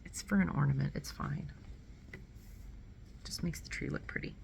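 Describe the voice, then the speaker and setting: Speaking at normal speed, a woman with a low, creaky voice talks casually to camera about her cross stitch from a small room at home. She's nasal while recovering from a cold, and her chat rambles along with self-corrections and little laughs.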